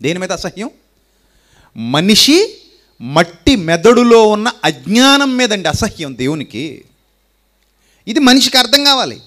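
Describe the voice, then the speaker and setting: Male preacher with a high voice, who presses the point with repeated questions. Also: very animated, unhurried, long pauses, fairly bright tone. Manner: rhetorical questions, repeating lines for emphasis. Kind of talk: sermon.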